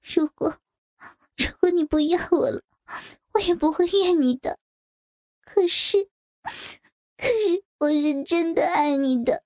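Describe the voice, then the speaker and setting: A woman's voice: very high voice, a little mellow, pitched above the performer's own voice. A woman voicing a timid young husband who stammers through tears. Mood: tearful. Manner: tearful, halting, stammering.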